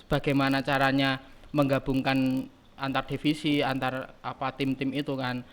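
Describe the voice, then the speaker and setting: A man in his early twenties, a student leader answering podcast questions in a halting way, often pausing to search for words. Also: medium pitch, completely flat delivery, clean tone. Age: early 20s. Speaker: guest, student council chairman. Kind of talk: casual podcast interview.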